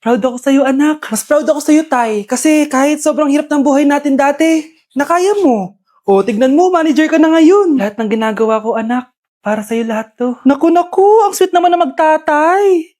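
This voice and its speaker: High-voiced woman acting out comic skits. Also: expressive, normal speed, mellow. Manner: switches between shrill and low voices for each character. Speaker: comedy skit creator playing every part. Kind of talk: comedic skit acting with many characters.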